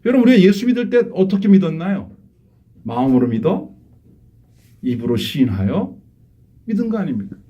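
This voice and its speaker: A middle-aged man with a high voice preaches a sermon from a church pulpit. He speaks earnestly, acting out prayers and quoted voices and moving between quiet, hushed asides and emphatic calls to his congregation. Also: very animated, brisk, pauses often, muffled recording. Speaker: pastor. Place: church sanctuary.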